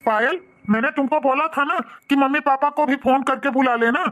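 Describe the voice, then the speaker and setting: A reproachful young husband with an Awadhi accent, which a woman plays in a cartoon. His voice is fairly high for a man. He complains at length to his wife. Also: normal speed, fairly bright tone. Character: young office-going husband, upset and hurt.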